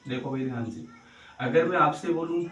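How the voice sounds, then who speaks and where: A man's voice: a little high, normal speed, fairly bright tone, dull audio. Echoey, distant man teaching maths. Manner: asks the class rhetorical questions and answers them himself; keeps checking in with the class. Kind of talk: classroom maths lesson. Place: classroom at a coaching centre. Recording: echoey room, voice heard from a distance.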